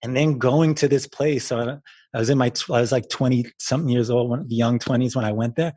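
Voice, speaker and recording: A man's voice: mid-range voice, brisk, mellow, breathy edge, no echo. A man talking in a casual chat as a guest, rambling with many fillers and restarts.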